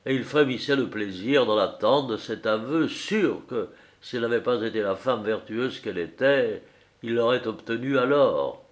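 A man narrating a literary short story in a measured, expressive reading. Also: medium pitch.

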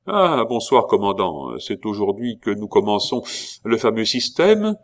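A nosy storybook gentleman, bright with curiosity and quick with teasing questions, as a male reader plays him. His low voice stays friendly and probing. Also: big pitch swings. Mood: curious. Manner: inquisitive and teasing.

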